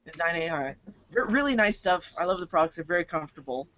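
A man's voice: a little high, animated, fast, fairly bright tone. A man co-hosting a casual podcast chat, joking and laughing often. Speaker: podcast co-host. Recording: dull lo-fi podcast audio with hiss.

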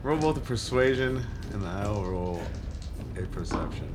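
Guy game mastering a tabletop rpg, animated narration, bit of background noise. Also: lowish voice, measured pace.

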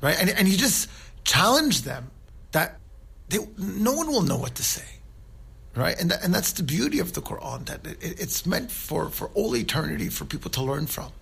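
A man's voice: high-pitched, sing-song, moderate pace, vocal fry, a bit bright, slightly rough. A man giving an informal religious talk, earnest and conversational, who often checks in with his listeners. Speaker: Islamic speaker.

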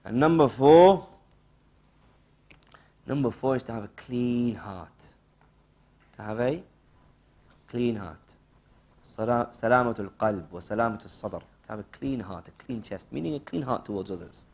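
A man giving a religious lesson as a teacher, didactic and questioning, repeating key phrases with pauses and mixing Arabic quotations into English. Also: mid-range voice, a little mellow. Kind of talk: religious lesson, quizzing listeners and explaining.

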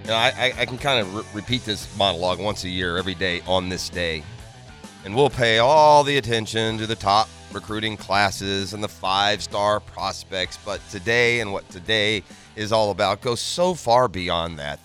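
A man's voice: on the low side, moderate pace, fairly bright tone, faint music behind. A man hosting a morning sports radio show, talking in an earnest, emphatic, conversational way straight to his listeners. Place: radio studio. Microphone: close studio microphone.

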